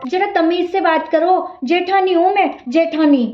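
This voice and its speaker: A woman playing a loud, mocking elder sister-in-law who quarrels hard, in an amateur family drama. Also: very high-pitched, level tone, unhurried, over music. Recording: echoey room, dull lo-fi sound.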